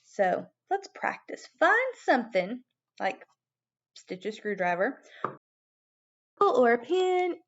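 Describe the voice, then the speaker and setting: A woman giving a video music lesson to young children as their teacher, animated and prompting them with questions. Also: fairly high pitch, slow pace, long pauses, highs cut off.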